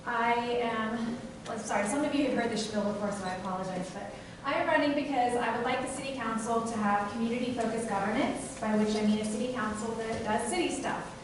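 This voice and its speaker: A woman's voice: a little high, brisk. A woman from Tennessee running for city council, giving a fluent campaign speech with occasional fillers. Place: meeting room. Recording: echoey room from far off, noisy.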